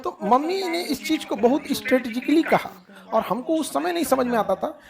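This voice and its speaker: A man's voice: extremely high pitch, animated, normal speed, creaky. A middle-aged man with a Bihari Hindi accent, giving students folksy advice in a classroom lecture and answering his own questions. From Bihar, India. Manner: asks the class questions and answers them himself; folksy, joking, colloquial. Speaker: teacher.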